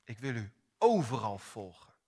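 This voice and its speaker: Give me a man playing an impulsive frightened fisherman, quick to bluster. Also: medium pitch, very animated, warm tone, breathy edge, pitched below the performer's own voice. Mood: boastful. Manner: blustering denials, later broken.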